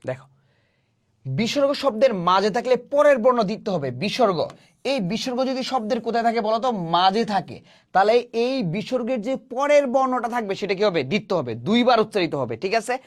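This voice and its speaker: A man's voice: high-pitched, lively intonation, normal speed. A man teaching a grammar lesson, firing call-and-response questions and answering them himself. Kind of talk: classroom-style grammar lesson.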